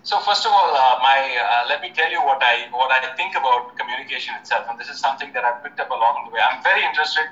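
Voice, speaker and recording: Guy from india talking thru an interview, bright tense voice, keeps asking okay? right?, roomy kinda dull sound. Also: mid-range voice. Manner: measured, often checks in with "okay?" and "right?". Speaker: guest. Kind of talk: conversational interview answers.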